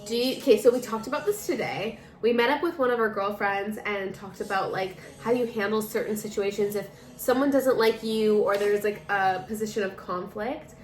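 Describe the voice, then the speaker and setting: A drunk, giggly woman in her twenties, a vlogger doing a drinking makeup challenge, chats with a friend at a moderate pace with hardly any pauses. Her mid-range voice blurts things out, a bit muddled and sprinkled with casual swearing, in an echoey room with music behind.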